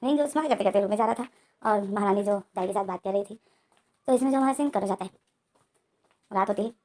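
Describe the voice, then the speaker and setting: A woman's voice: medium pitch, quick pace, a little mellow. A woman retelling a fan story as a narrator, quoting each character's lines in her own voice.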